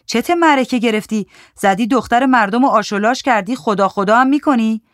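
Brief: woman narrator doing a concerned, soft-hearted woman, high-pitched and urgent. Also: very animated, dry recording, clean studio sound. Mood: scolding. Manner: pleading, concerned. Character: caring, watchful woman who pities others.

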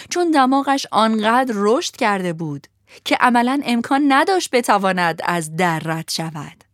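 Storybook narrator, woman, mid pitch, gentle and expressive. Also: no echo, studio quality.

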